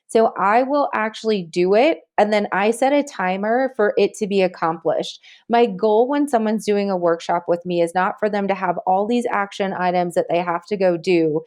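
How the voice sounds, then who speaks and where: An energetic woman speaks as a podcast guest in a mid-range voice. Her delivery is chatty and brisk, and she laughs often between points. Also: mid-range voice. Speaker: guest, marketing agency CEO. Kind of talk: podcast interview.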